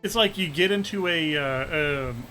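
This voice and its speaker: Wry male player on a call, bright and a bit high, faint music bed. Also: a little slow. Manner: wry, narrates his character's actions. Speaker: tabletop game player.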